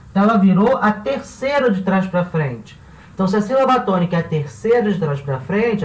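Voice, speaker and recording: A man teaching a grammar lesson, explaining step by step and asking rhetorical questions as he goes. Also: high voice. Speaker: Spanish teacher. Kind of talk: classroom-style grammar lesson. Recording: roomy, slightly distant mic.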